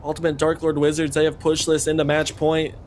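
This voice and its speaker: A man giving color commentary on an esports match in a relaxed, chatty way, breaking down plays with blunt opinions. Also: fairly high pitch, fairly quick, slight background noise. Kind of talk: casual analytical commentary.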